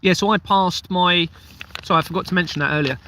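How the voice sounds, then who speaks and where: Pitched high and sharp in tone, this man talks a little fast over slight background noise. A onetime police officer from Kent, he runs a casual livestream, reading viewer comments and rambling sincerely, at times losing his train of thought.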